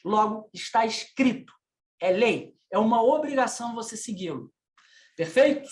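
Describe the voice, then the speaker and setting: A middle-aged man with a Brazilian Portuguese accent lectures business owners on tax matters in a very high-pitched voice. He teaches didactically, speaks directly to his listeners and poses rhetorical questions, recorded in an echoey room.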